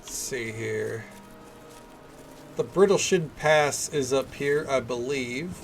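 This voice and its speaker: Gravelly-voiced man streaming a game. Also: mid-range voice, takes it slowly, soft background music. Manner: informal, chatty, thinking aloud. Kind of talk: casual gameplay commentary.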